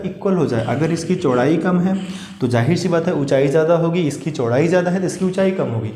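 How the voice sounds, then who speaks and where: A man's voice: a little high, roomy sound. Man teaching maths to exam students. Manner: explains step by step, often asking a question and then answering it himself; calls his students "children" warmly. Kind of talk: exam-prep maths lesson.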